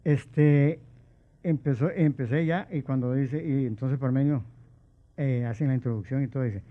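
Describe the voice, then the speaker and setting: A Costa Rican man, a guest impressionist, telling animated anecdotes in casual conversation. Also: mid-range voice, measured pace, phone-quality sound. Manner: animated anecdotes, switching into voices. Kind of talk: casual storytelling.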